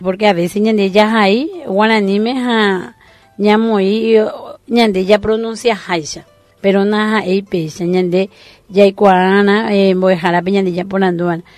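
Slow woman teaching letters. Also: medium pitch, steady tone, darkish tone, no echo, faint music behind. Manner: recites letters one by one, stressing each. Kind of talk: slow language lesson.

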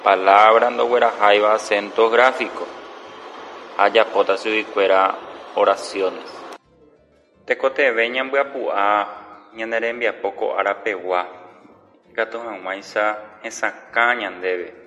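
A man teaching a language lesson, going slowly and drawing out each example word. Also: fairly low pitch, fairly even intonation, sharp tone, long reverb tail, faint music behind. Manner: slow, deliberate, drawing out example words.

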